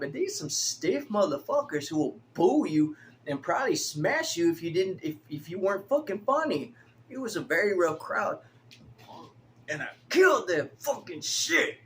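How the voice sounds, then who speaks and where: A man's voice: fairly high pitch, a little hiss or hum. A man in his early forties rambling casually to the camera, swearing freely and laughing through his stories. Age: 40s. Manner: profane, laughs often, animated storytelling. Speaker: vlogger.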